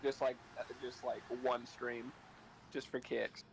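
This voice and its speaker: A man's voice: mid-range voice, little pitch movement, a little slow, vocal fry, a little hiss or hum, low-quality recording. Teasing man on a voice call. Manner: teasing, joking. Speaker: co-host on a voice call. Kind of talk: casual joking banter.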